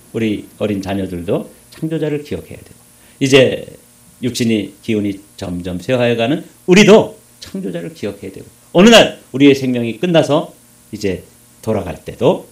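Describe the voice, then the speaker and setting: A male pastor delivering a sermon in a roomy, echoing sanctuary. His pitch swings widely as he rises to forceful emphasis and drops to quiet asides, and he keeps throwing questions to the congregation. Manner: animated preaching, swings from loud emphasis to hushed asides; addresses congregation with rhetorical questions.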